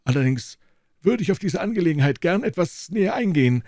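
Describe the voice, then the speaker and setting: A shrill, screeching old professor, suspicious and menacing, as an audiobook narrator puts him on. The voice is pitched far above the reader's own and has a lively, jumpy swing. It is recorded dry and close. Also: male voice, fairly quick, no room sound. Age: older. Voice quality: high screeching voice. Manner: sharp, agitated, menacing.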